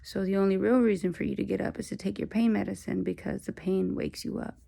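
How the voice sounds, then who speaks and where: A woman speaking in a casual video diary, weary and halting, her speech labored by a sore throat after surgery. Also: medium pitch, little pitch movement, creaky, mellow. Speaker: patient vlogging surgery recovery.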